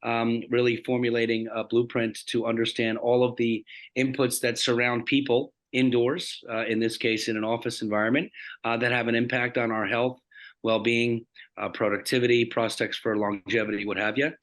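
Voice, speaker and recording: A man from New Jersey, a company founder and CEO, introducing himself on a video call panel in a businesslike way with many filler pauses. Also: mid-range voice, little pitch movement, a bit bright. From New Jersey, United States.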